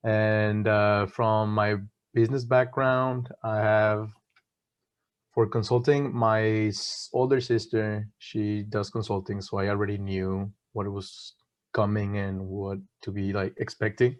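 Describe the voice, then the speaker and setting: A man's voice: fairly low pitch, little pitch movement, slow. A young man in his twenties from Mexico, answering eagerly and casually as a guest on a webinar panel over a video call. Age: 20s. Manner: eager, self-described hyperactive, casual talk. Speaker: guest consultant. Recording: dull lo-fi video call audio.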